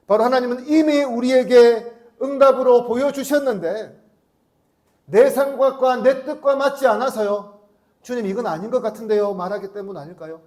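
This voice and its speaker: A man with a notably high voice preaches a Sunday sermon. He keeps turning to the congregation with rhetorical questions. Now and then he acts out a short prayer or exchange without leaving his own voice. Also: a little mellow. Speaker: pastor.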